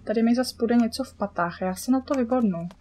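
A woman's voice: on the high side, mellow, a little hiss or hum. Chatty Czech woman gamer. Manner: chatty, swears at the game, mutters to herself. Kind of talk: casual let's-play commentary.

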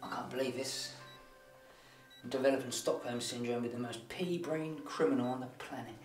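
A man's voice: medium pitch, fairly even intonation, moderate pace, lightly acted. Film drama: male actor as irritable, sardonic British petty crook, roomy off-mic sound with music. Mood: wry, subdued. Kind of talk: naturalistic film acting. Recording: echoey room, distant mic, music behind.

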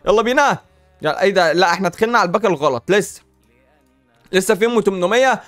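Egyptian man hosting a gaming channel: high, quick and excitable, chatty with viewers, dry close sound, faint music behind. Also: no echo. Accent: Egyptian Arabic. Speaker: gaming YouTuber host. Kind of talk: casual gaming commentary while opening packs.

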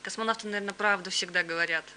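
Bright-voiced woman commentating live, noisy hum. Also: mid-range voice, steady tone, racing. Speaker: broadcast host and commentator. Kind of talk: live commentary with chatty questions. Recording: clear hum and background noise.

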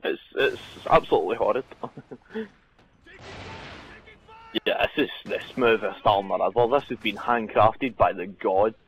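A man's voice: fairly low pitch, unhurried, long pauses, rough recording. A man chatting casually while playing a video game, joking and swearing a lot. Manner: joking, crude, excitable. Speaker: gamer. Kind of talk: casual gaming chat.

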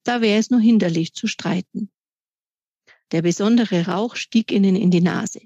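A woman author reading aloud from her children's book in calm, measured storytelling. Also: medium pitch. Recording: dry, slightly dull recording.

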